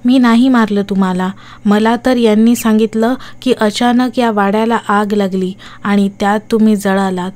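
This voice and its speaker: A woman's voice: medium pitch, fairly even intonation, normal speed, darkish tone, lightly acted. A woman voicing a frightened young woman who pleads her innocence in a horror audiobook. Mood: pleading.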